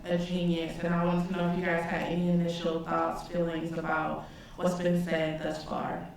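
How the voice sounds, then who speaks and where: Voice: mid-range voice, monotone, normal speed, crowd noise. A panel moderator asking questions casually and with curiosity in a large hall. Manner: casual, inquisitive. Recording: echoey hall, from far off.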